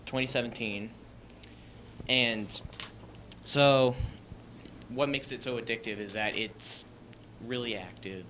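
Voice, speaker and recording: Young man, student field reporter, hesitant informal delivery, fairly low pitch, faint background noise. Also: bright, forceful tone.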